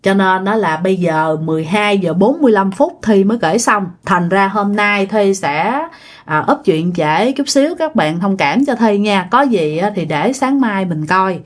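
Lively woman storyteller. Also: mid-range voice, moderate pace. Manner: lively, repeats phrases for suspense. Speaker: ghost story narrator. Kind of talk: casual spoken storytelling.

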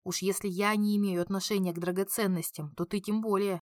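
A woman's voice: mid-range voice, fairly even intonation, brisk, dry recording, close to an everyday voice. A cold, worn-out beaten Frenchman, read by a woman in a clipped, tired voice. The sound is close and dry, with no room around it. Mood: weary. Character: bitter beaten French man, cold and weary.

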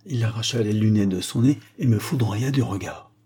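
A man reading a short story aloud as narrator, in a measured storytelling manner. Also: on the low side, dark tone, slightly rough. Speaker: audiobook narrator. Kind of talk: scripted narration.

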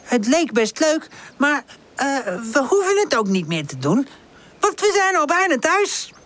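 A woman voicing a cheerful, eager young male puppy in an audiobook, with a high, bouncy child-like voice. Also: sing-song, a little slow, a bit bright, exaggerated voice.

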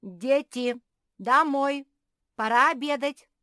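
A woman voicing a fussy, excitable mother hedgehog in a children's storybook reading, with a loud, pleading manner. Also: high-pitched, slow pace, no room sound, studio quality, voice pushed up, exaggerated voice. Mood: shouting.

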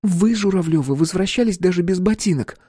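A man's voice: sits high, brisk, warm tone, husky, no echo, pitched above the performer's own voice. A man reading an audiobook gives voice to a fretful, teasing young wife, in a dry studio sound. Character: anxious, sharp-tongued young wife. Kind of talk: audiobook character voice.

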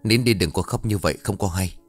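A man's voice: deep voice, fairly quick, soft background music. A man voicing a stern, scolding old grandfather in an audio story. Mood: worried. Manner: gruff, scolding.

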